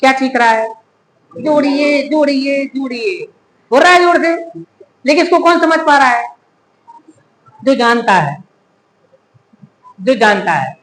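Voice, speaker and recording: A man's voice: very high voice, expressive, measured pace, long pauses, fairly bright tone. Man lecturing physics in an echoey room. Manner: asks the class rhetorical questions and repeats key terms. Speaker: physics teacher. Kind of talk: classroom lecture.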